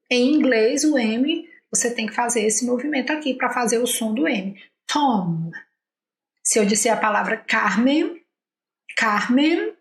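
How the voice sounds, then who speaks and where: A woman with a Brazilian Portuguese accent teaching an English lesson, patiently explaining and repeating model phrases slowly. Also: on the high side, roomy sound. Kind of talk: language lesson with slow model sentences.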